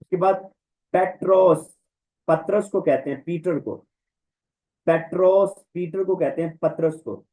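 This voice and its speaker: A man teaching a Greek language class online, repeating each word slowly and carefully for the students. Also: on the high side, mellow, low-quality recording. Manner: slow, drawn-out word-by-word pronunciation drills. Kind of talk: online lecture. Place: online class, voice over slides.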